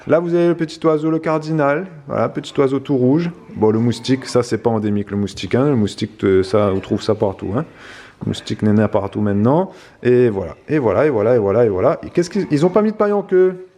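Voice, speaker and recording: A man's voice: mid-range voice, lively intonation, fast talker, warm tone. A man from La Réunion with a Réunion Creole accent, rambling casually through an unboxing for his vlog, full of little fillers. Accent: Réunion Creole French. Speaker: vlog host.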